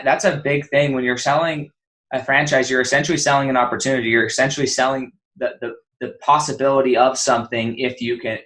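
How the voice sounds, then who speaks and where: A man's voice: mid-range voice, fairly bright tone, low-quality recording. A man hosting a podcast, introducing his guest in an eager, enthusiastic and rambling way. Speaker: podcast host.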